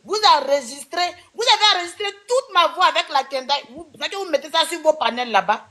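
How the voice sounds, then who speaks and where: A woman's voice: high-pitched, expressive, brisk, a bit bright. A woman on a live-stream panel, scolding and insistent and repeating her points.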